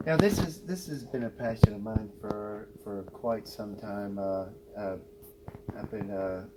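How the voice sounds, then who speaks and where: A man who is a guest on a casual radio interview, talking about his film in a halting way with repeated words. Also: lowish voice. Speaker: guest, filmmaker. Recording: noisy with hum.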